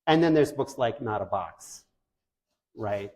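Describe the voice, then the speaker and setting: A man's voice: mid-range voice, lively intonation, takes it slowly, a little mellow. A man giving an informal presentation to parents of deaf children, enthusiastic and conversational, with loose, chatty phrasing.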